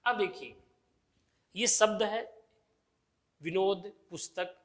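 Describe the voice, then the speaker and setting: A man's voice: sits high, slow, fairly bright tone. A male teacher giving an exam-prep grammar lesson, who asks the class questions and answers them himself, repeating the key terms. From India.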